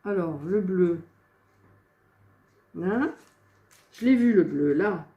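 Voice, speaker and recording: In a casual crafting video, a woman searches for missing pieces, talking to herself with exasperated asides to the audience. Her fairly low voice has lively intonation and a slow pace, though the audio is dull, echoey and faintly noisy.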